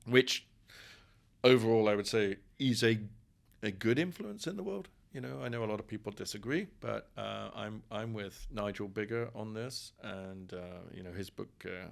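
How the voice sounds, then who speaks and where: A middle-aged English professor from England appears as a podcast guest, talking wryly and discursively in a conversational interview. His voice is lowish and gravelly at normal speed, and he often repeats words while thinking.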